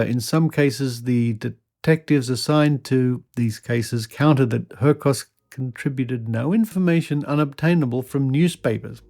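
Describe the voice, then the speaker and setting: Podcast host guy reading out an old article, gravelly voice, dry little asides. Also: mid-range voice, a little mellow. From Australia. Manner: wry asides while reading.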